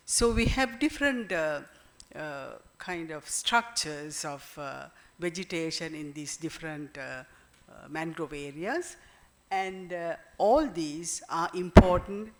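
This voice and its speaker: A woman in her sixties with a Sri Lankan accent gives a conference keynote, explaining in a hesitant way with frequent pauses. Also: low-pitched. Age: 60s. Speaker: keynote speaker, retired botany professor.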